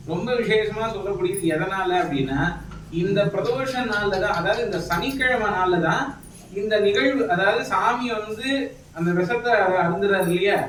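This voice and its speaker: High-voiced man addressing devotees from afar. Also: fairly bright tone. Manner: earnest, chiding and humble, explaining ritual. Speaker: temple priest. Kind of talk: talk to devotees at a temple. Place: temple hall. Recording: echoey, from far off, faint noise.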